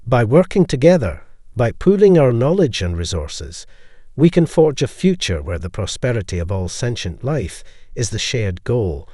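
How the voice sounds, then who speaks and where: A man reads a quietly authoritative male scientist in a sci-fi audio story. He speaks calmly and firmly, with lively rises and falls. The sound is dry and close. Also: medium pitch, normal speed, dry recording. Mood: grave. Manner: calm, firm.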